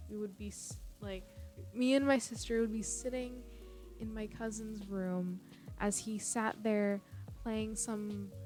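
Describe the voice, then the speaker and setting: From her own room at home, a young woman rambles through stories on a livestream, giggling, drifting into tangents and leaning on fillers. Her voice is medium in pitch with a darkish tone, and background music plays throughout.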